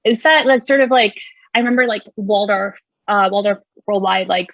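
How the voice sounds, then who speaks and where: In a muffled, dry recording, a young woman talks at a moderate pace in a medium-pitched voice. She grew up in Indonesia and writes about music, and as a guest in this casual interview she is enthusiastic, chatty and full of fillers and laughs.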